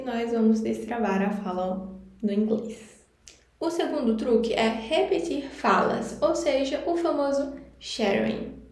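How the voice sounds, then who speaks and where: A woman's voice: on the high side, mellow, heavy reverb. A woman from Brazil, an English teacher, giving a chatty, encouraging spoken lesson to camera. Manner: chatty, encouraging, repeats words and phrases.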